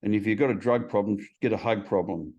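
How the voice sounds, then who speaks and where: A man's voice: fairly low pitch, fast, darkish tone. A man in casual conversation, speaking bluntly and swearing freely as he acts out other people's voices. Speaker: podcast host. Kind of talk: casual chat. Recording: slightly dull lo-fi sound.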